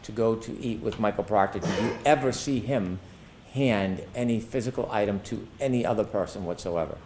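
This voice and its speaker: A man's voice: fairly low pitch, a little fast, a little mellow, slight background noise. A man working as an attorney, questioning a witness in court in a formal, methodical and precise way. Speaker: prosecuting attorney.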